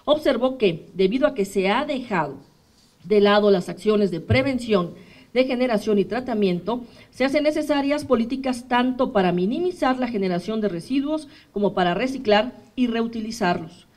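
Standing at a podium in an indoor press room, a woman in her thirties with a Mexican Spanish accent reads a formal statement for a human rights commission. Her slightly high voice stays measured and steady at the podium microphone.

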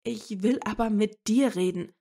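A woman reading aloud as an eager eighteen-year-old man who pleads softly and breathily. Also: medium pitch, measured pace. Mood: soft pleading.

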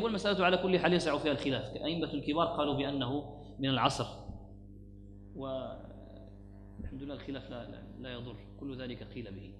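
A man teaching an Arabic grammar lesson in a lecture, repeating key words, pausing often and reciting quoted verses slowly. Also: fairly high pitch. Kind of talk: classroom lecture explaining a grammar poem. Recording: echoey hall with faint hum.

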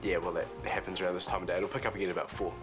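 A man's voice: low-pitched, level tone, rapid-fire, over music, close to an everyday voice. An actor in his twenties with a New Zealand accent plays a cheeky, eager young barman with a stammering, informal way of talking in a TV soap. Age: 20s. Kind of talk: naturalistic TV soap acting.

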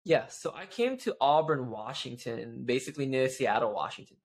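Speaking at a medium pitch and moderate pace, a young Malaysian man in his twenties is a guest on a casual interview video call, sitting in a home office with shelves. He is animated, gesturing with both hands and often adding "right?"

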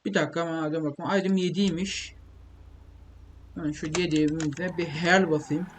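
A young gaming video creator rambles and thinks aloud in casual, informal gameplay commentary, his fairly high voice fairly quick and fairly even in intonation. The home recording is clearly noisy, with typing and keyboard clicks in the background.

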